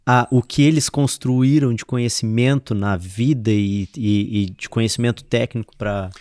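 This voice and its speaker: A male interviewer asks his questions haltingly, pausing and filling gaps with sounds as he searches for the words. His pitch is ordinary for a man. The recording is dry and close. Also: fairly even intonation, darkish tone, no room sound. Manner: hesitant questions full of fillers. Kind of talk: casual interview.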